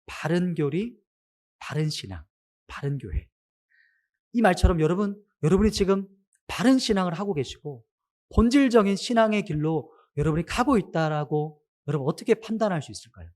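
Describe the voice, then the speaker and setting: A man's voice: high voice, moderate pace. A man preaching a sermon to his congregation, asking them many questions. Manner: asks the congregation many questions, animated rise and fall.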